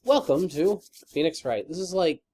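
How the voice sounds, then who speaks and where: A man's voice: fairly high pitch, expressive, moderate pace, mellow. A man hosting a let's play video, chatting casually and laughing often. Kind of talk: casual gaming chat.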